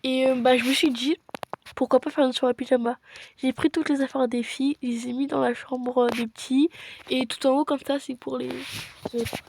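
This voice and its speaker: A woman's voice: high voice, steady tone, normal speed, vocal fry, a little mellow. A woman casually narrating a role-play as she plays a game, chatty and talking through each step aloud. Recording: noisy home background.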